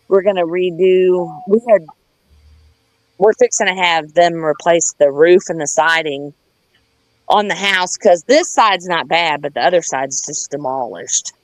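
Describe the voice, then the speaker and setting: Speaking in a deep voice, a Southern woman from the United States chats and rambles in a plain, folksy way while gardening on a livestream. The recording has no echo but sounds rough.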